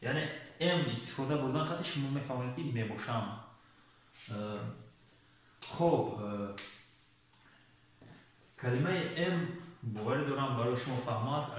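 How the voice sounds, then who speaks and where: A man teaching English vocabulary, speaking slowly and repeating each example word. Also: medium pitch. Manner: slow, repeats words and spells out English examples. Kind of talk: classroom-style language lesson. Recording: echoey room, far from mic, faint hiss.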